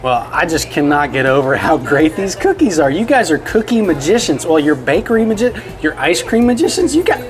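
A man hosting a kids' show on a bakery tour, excitable and talking straight to the viewers. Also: fairly high pitch, brisk, hardly any pauses. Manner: excitable, exclaims often, talks straight to the viewers. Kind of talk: upbeat presenting to kids. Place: indoor bakery and commercial kitchen.

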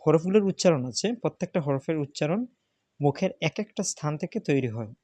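A man's voice: on the high side, expressive, quick pace, dark tone. Patient man repeating letter names. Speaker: Arabic alphabet teacher. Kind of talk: step-by-step spoken lesson.

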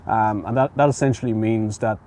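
A man's voice: lowish voice, brisk, a little mellow, slight background noise. A middle-aged man, an equipment inspector walking through machine reports outdoors at an auction yard, practical and prone to repeating words. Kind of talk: on-site equipment walkthrough.

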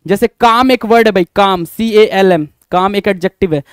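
During a live online exam-prep session, a young Indian man covers English grammar, addressing students as "bhai", answering chat comments by name, repeating points and posing rhetorical questions. He has a high voice at a moderate pace, clear and resonant, in clean studio sound with no echo.

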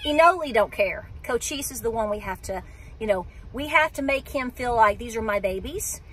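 Speaking at a moderate pace with lively intonation, a woman whose voice is a little high and slightly rough chats to her phone camera at arm's length. The homestead vlogger sits in a parked car, rambling, self-interrupting, and restarting her sentences.

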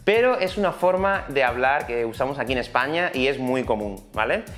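A man's voice: mid-range voice, expressive, brisk, fairly bright tone, soft background music. A man with a Spain Spanish accent teaching an online Spanish lesson in a chatty, explanatory way. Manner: chatty, explanatory, many fillers.

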